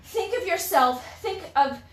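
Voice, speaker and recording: A woman's voice: very high voice, expressive, unhurried, slight background noise. Breathless woman coaching a live workout. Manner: upbeat coaching, chatting with viewers. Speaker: fitness instructor. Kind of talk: live-streamed workout instruction. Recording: echoey room, voice from a distance.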